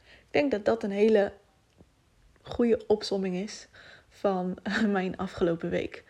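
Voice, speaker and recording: A woman's voice: mid-range voice, fairly even intonation, a little slow, mellow. A woman hosting a personal solo podcast, talking candidly and emotionally, jumping from topic to topic with many fillers. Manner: rambling, jumps from topic to topic. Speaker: podcast host.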